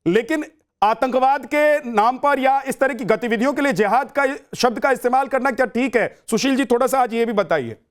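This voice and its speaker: A man anchoring a heated TV news debate, interrupting and accusing his guest in a forceful manner. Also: extremely high pitch, moderate pace, smooth.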